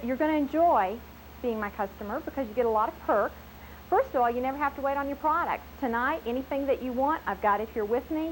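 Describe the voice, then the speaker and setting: A woman skin care consultant giving an upbeat, chatty sales presentation at a home party, heard from a worn VHS tape copy. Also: rough recording. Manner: upbeat, chatty sales pitch with frequent laughs. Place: living room at a home party. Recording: hissy worn 90s home video tape.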